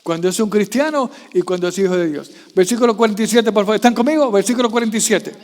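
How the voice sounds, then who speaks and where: A pastor with a strikingly high voice preaches fast, constantly quizzing the congregation. He moves between quiet, low asides and loud, raised passages, and the church hall gives his voice a long reverb.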